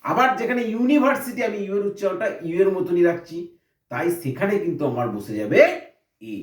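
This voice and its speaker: High, lively man teaching a grammar lesson. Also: a little fast, roomy sound, distant mic. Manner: explains step by step, asking and answering his own questions.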